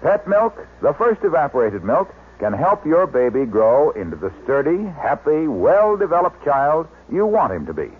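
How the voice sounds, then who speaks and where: A man's voice: a little high, very animated, normal speed, hardly any pauses, husky. An American man announcing in a chipper 1950s radio ad style, with a polished, emphatic sales delivery. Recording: vintage radio broadcast, narrow phone-like band.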